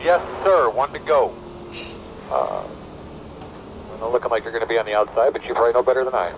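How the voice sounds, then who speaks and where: A man's voice: medium pitch, sing-song, a little fast, background noise. A man streaming a sim race, giving upbeat radio calls and coaching his team. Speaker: sim racing streamer and spotter. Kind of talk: live race radio chatter.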